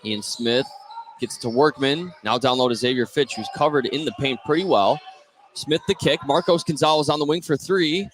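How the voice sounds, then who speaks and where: An American man with a mid-range voice calls basketball play-by-play live on the radio at normal speed from an indoor high school gym. The recording is rough, with faint gym noise in the background.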